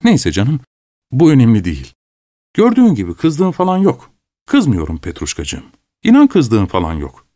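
A man voicing a jittery middle-aged clerk, fussy and quick to boil over, his voice swinging between wheedling and shouting. The sound is close and dry. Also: mid-range voice, huge pitch swings, dry recording. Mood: coaxing. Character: anxious, fussy middle-aged male clerk, easily enraged.

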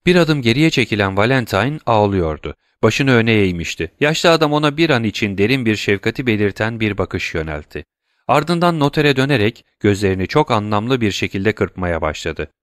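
A man reading a classic novel aloud in a measured, even narration. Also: lowish voice, dry recording, studio quality. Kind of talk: scripted narration.

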